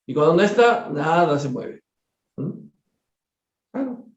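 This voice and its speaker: Male study leader, animated and repetitive, slightly high voice, roomy lo-fi sound. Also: takes it slowly. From Peru. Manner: animated, repeats words, jokes and acts out dialogue. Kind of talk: study group talk. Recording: echoey room, dull lo-fi sound.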